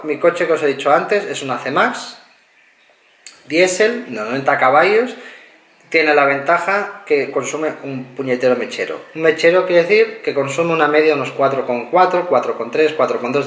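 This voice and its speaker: A man's voice: on the high side, a bit bright. A man from Spain giving a casual car review, talking through figures step by step with many asides. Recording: echoey room.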